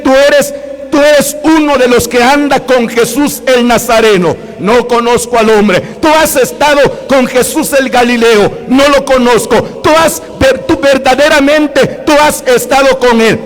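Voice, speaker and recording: A man's voice: very high voice, measured pace. A man with a Guatemalan Spanish accent preaching a sermon in a church hall, emphatic and repetitive, often calling out to the brothers and sisters. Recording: long hall reverb.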